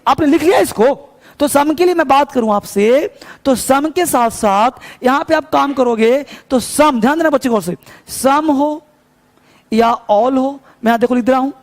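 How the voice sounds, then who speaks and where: A man with a very high voice teaches simple English phrases, repeating each one patiently. He keeps asking his students whether they are following. His voice rings out in a room with a long reverb. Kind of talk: spoken English lesson.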